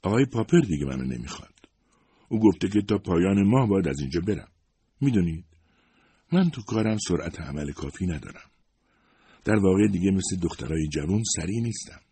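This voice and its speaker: A man's voice: sits low, lively intonation, dark tone, breathy edge, no echo, exaggerated voice. A man voicing a humble, worried secretary in her fifties who talks hesitantly and apologetically. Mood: apologetic. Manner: hesitant, modest, self-excusing.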